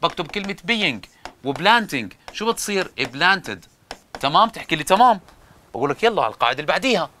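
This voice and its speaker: Brisk, bright-voiced Jordanian English teacher. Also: male voice, a little high, sing-song, slight background noise. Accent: Jordanian Arabic. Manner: asks and answers his own questions, repeats each rule step by step. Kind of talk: grammar lesson explanation.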